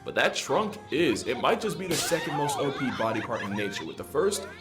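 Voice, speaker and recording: A man's voice: medium pitch, very animated, brisk. A man narrating a nature video from a comedic script in a wry, irreverent manner. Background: guitar music.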